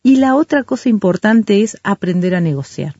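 Woman, measured expert guest, lots of examples; dry, muffled lo-fi sound. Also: mid-range voice, animated, warm tone, dry recording. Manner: measured, explains with everyday examples. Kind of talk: calm explanatory talk.

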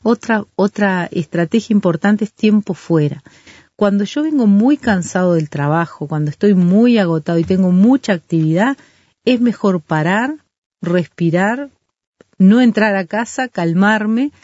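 Woman explaining parenting calmly. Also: mid-range voice, no room sound. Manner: measured, explains with everyday examples. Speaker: parenting expert guest. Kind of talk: calm explanatory talk. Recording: dull lo-fi dry sound.

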